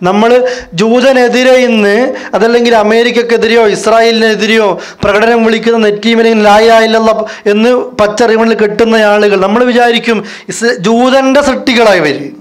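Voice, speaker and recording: A man's voice: very high-pitched, steady tone, normal speed. A man giving a religious lecture as a preacher, asking rhetorical questions and answering them himself. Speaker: Islamic preacher.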